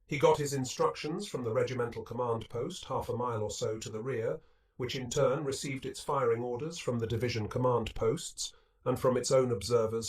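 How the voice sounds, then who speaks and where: Husky man reading steady war narration. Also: mid-range voice. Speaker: audiobook narrator. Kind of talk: scripted narration.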